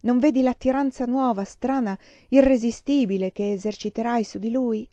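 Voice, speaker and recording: A woman giving a young woman friend, scheming, persuasive, eager, dark-toned voice. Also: on the high side, moderate pace, dry recording, dull audio, pitched above the performer's own voice, close to an everyday voice. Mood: insistent. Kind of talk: audiobook reading of a novel.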